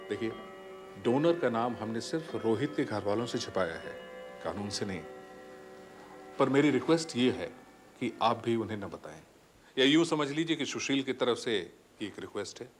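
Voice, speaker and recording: Actor as hospital doctor, calm, polite, evasive, medium pitch, TV serial. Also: male voice, close to an everyday voice. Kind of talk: TV serial acting.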